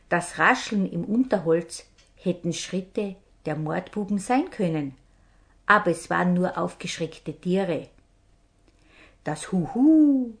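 A woman hosting a herb show, reading a fairy tale aloud slowly and dramatically. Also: medium pitch. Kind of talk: storytelling narration.

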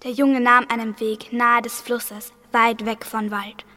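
A teenage girl narrating a spooky school radio play in an even, storytelling manner. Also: fairly high pitch, a little slow, big-room sound. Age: teens.

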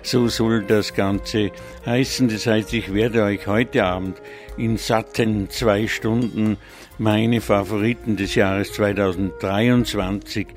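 Stuffy-nosed man hosting radio, low-pitched. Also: fairly even intonation, slow pace. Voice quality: slightly stuffy, congested nose. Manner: hesitant, digressive, self-correcting. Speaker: radio music show host. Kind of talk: unscripted live music radio presenting. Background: music playing under the voice.

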